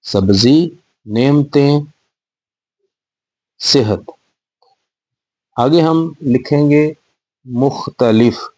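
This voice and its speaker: A man's voice: medium pitch, very slow, long pauses, a little mellow, no room sound. A man teaching young children to read and write, spelling each word letter by letter and repeating it patiently. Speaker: Urdu teacher. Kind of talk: slow spelling lesson for children.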